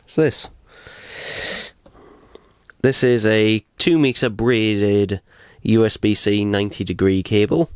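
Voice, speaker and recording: An unboxing vlogger opens items in a small room at home, rambling with plenty of fillers and casual swearing while sore from a fall. His low, fairly even voice moves slowly with long pauses. The close desk mic gives a clean tone with no room sound.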